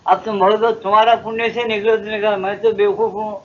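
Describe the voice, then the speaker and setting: A man's voice: high-pitched, flat delivery, brisk, pitched above the performer's own voice, close to an everyday voice. An older man voicing a humble old male cobbler devotee who talks meekly and self-effacingly, on a dull old tape recording. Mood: resigned. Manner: meek, self-effacing pleading.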